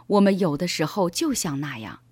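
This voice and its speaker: Woman reading as a gentle teaching father. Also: on the low side, big pitch swings, normal speed, husky, no room sound. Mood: calm.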